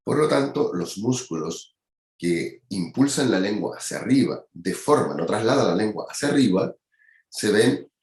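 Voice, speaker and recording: A man delivers a university anatomy lecture in a fairly low voice. He explains step by step and keeps checking that his students follow along. The sound is roomy and echoey, as in a classroom. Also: lively intonation, normal speed, darkish tone. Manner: explanatory, peppers speech with "¿ya?" and "¿cierto?".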